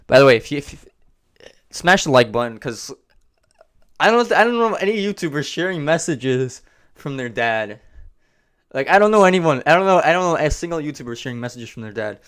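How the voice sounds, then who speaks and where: A man's voice: on the high side, animated, fairly quick, fairly bright tone, clear, resonant tone. A man hosting a business vlog, talking casually to camera and repeating himself as he rambles. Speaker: host of a business channel.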